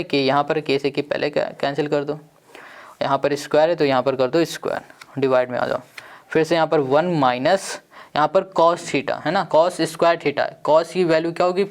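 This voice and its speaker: A man teaching a maths lesson online, working through each step aloud and asking his students questions as he goes. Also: on the high side. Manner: talks through steps, asks students questions.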